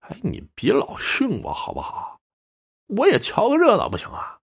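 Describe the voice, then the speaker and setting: A man's voice: sits high, wildly swooping pitch, normal speed, gravelly, husky, pitched above the performer's own voice, heavily acted. A man voicing a cowardly gambler who whines and begs his older brother for help, in a spoken story. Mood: whining pleading. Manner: whining, pleading.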